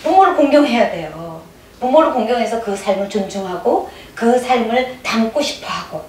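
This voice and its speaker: A middle-aged woman giving a conversational testimony sermon in a church hall, often pressing her listeners with quick questions. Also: on the high side, animated, darkish tone, a little hiss or hum. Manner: keeps prodding the audience with quick questions. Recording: echoey room, mic at a distance.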